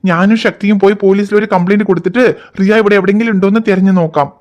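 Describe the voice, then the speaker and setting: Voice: medium pitch, fairly even intonation, racing, darkish tone, natural voice. A voice actor playing a worried husband in a cartoon, firmly reassuring his wife. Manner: reassuring, firm.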